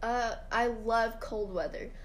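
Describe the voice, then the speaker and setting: A woman's voice: on the high side, steady tone, slow, a little hiss or hum, low-quality recording. A woman voicing an earnest, proud male rutabaga in a mock interview, giving matter-of-fact scripted answers. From Sweden. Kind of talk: mock interview role-play.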